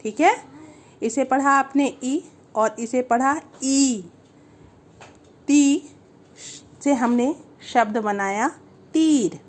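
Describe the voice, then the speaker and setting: A woman's voice: sits high, slow. A woman teaching a Hindi lesson, explaining step by step, repeating each term and asking the viewer questions. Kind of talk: slow, patient language lesson.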